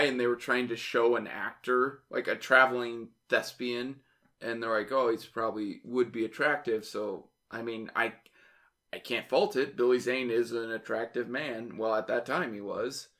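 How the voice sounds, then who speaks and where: A man with a crisp, bright tone and a rough fry in his voice talks through a movie in casual banter. He jokes, curses freely and laughs a lot as he hosts. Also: mid-range voice, normal speed. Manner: joking, swears freely, laughs often. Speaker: podcast host. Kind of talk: casual movie review chat.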